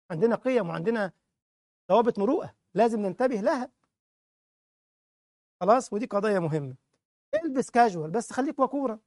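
Egyptian male preacher, quick and sardonic, mimics his targets, dry close-miked voice. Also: high voice, no room sound. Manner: sarcastic, mocking, mimics people he criticizes. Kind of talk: colloquial sermon talk.

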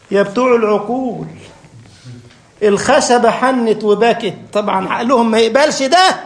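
A man preaching a sermon in an Egyptian Arabic accent, fervent and swinging between hushed and emphatic delivery. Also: extremely high pitch, roomy sound.

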